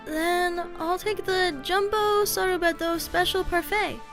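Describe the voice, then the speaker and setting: Over music, a woman with an extremely high, steady voice speaks a little slowly. She's voicing a shy, polite, frank middle-school girl in an anime-style manga dub, sounding earnest and hesitant.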